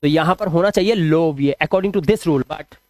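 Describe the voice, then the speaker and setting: A man teaching an English phonics lesson, drawing out each word slowly and repeating the sounds for his students. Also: a little high, darkish tone, no echo, clean studio sound. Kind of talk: phonics lesson explained in Hindi.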